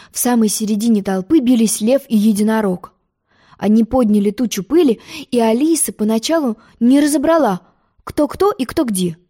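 Mellow woman reading a storybook. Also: a little high. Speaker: audiobook narrator. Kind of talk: storybook narration.

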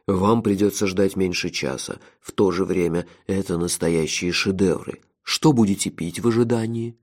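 Man doing a gravelly, pompous old innkeeper. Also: low voice, normal speed, a little mellow. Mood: formal. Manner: formal, ceremonious, unsmiling. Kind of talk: audiobook character voice.

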